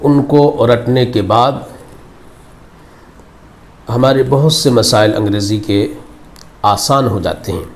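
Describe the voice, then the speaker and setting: Speaking at a slow pace with long pauses and a medium pitch, a man goes over English verb forms in a recorded vocabulary lesson. He uses formal, Urdu-tinged Hindi and repeats every word several times.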